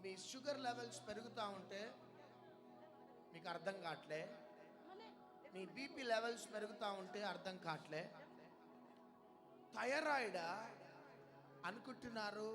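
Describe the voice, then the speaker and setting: A man preacher leading a deliverance prayer, firing repeated commands and questions and bursting into shouts. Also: sits high, lively intonation, normal speed, long pauses. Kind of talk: charismatic deliverance sermon. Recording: loud music behind the voice.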